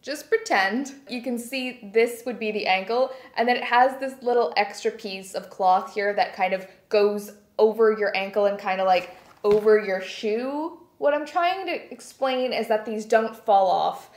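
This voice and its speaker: A young woman in her twenties from Canada, a beauty vlogger, chatting enthusiastically as she shows off her gym gear from a small bright room. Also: mid-range voice, unhurried, reverberant. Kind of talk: casual product show-and-tell. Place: small bright bedroom studio.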